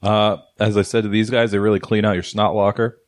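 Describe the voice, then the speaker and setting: A man's voice: fairly low pitch, little pitch movement, brisk. A man hosting a casual snack review, rambling and laughing between swears. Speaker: host.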